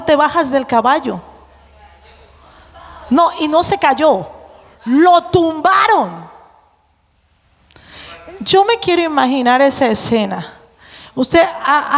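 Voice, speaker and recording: A woman preacher giving a lively sermon, acting out voices and joking with the congregation. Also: high-pitched. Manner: animated, acts out voices, jokes with the congregation. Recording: long hall reverb.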